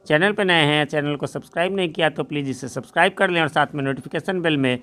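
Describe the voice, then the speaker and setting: A man teaching an English grammar lesson, reading example sentences slowly and often adding "है ना" to check in with students. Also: on the high side, sharp tone. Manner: slow, deliberate reading of example sentences, frequent tag question "है ना".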